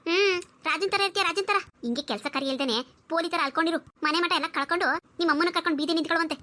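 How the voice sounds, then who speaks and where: Sharp scolding young wife in a cartoon voiced by a woman, very high bright voice, talks fast. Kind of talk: cartoon voice acting.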